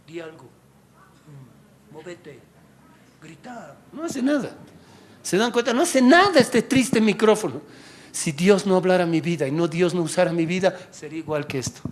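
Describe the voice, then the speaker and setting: A male pastor preaching a sermon in church, animated, swinging from loud exhortation to quiet asides. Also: high-pitched, a little slow, long pauses.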